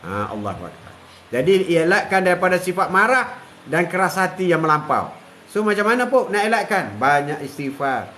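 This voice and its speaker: A man's voice: sits high, very animated, sharp tone, slight background noise. An older man giving a live religious talk, repeating phrases, saying "ha" often and chuckling. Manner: repetitive, drawn-out, punctuated with "ha" and chuckles. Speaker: preacher.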